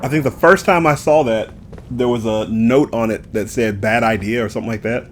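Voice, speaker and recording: A man's voice: mid-range voice, brisk, faint music behind. A man casually commenting on his own gameplay, playful and jokey, talking straight to his viewers. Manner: playful, jokey, talks to viewers, drifts into sing-song bits. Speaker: gameplay streamer.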